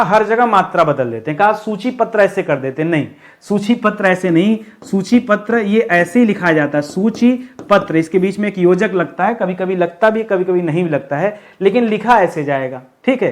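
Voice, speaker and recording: A young male Hindi teacher giving an exam-prep grammar lesson, asking questions and answering them himself, repeating words slowly and firmly. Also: sits high.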